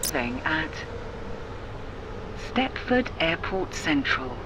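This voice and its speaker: A woman voicing an automated onboard train announcement, calm, measured and formal. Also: low voice, highs cut off, background noise, full character voice. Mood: announcing.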